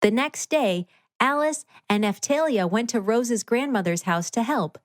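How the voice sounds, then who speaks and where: A woman narrating a scripted children's story in an expressive read-aloud manner. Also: a little high, a little slow, dry recording, clean studio sound.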